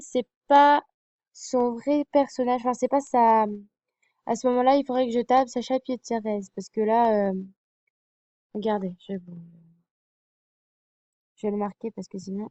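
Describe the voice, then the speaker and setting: In a casual fan vlog, a young woman introduces a TV series to viewers, speaking hesitantly with plenty of fillers and apologies. She has a mellow, higher-pitched voice and there's no echo.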